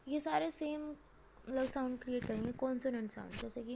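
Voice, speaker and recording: A woman teaching a lesson, asking and answering her own questions and reading examples slowly. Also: high-pitched, gravelly, background noise. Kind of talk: classroom lesson.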